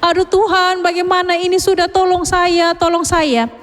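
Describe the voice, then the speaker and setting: A woman's voice: extremely high pitch, steady tone, moderate pace, soft background music, pitched above the performer's own voice. A woman voicing a robbed and beaten man who pleads desperately for help, with a long hall reverb. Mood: desperate pleading. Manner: pleading, wailing cries for help.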